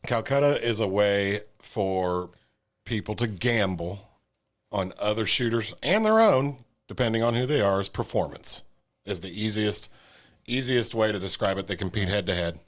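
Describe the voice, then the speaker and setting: A man's voice: on the low side, expressive, moderate pace. A man with an Ohio accent, a guest on a podcast, talking in a laid-back, folksy way that often trails off. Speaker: shooting center general manager, guest. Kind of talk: casual interview chat.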